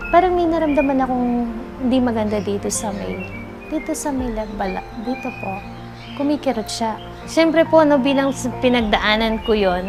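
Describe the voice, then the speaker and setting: Earnest woman sharing her story softly. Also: a little high. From Philippines. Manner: soft-spoken, earnest, addresses interviewer politely. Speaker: interviewee, cancer survivor. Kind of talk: emotional testimonial interview. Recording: music bed underneath.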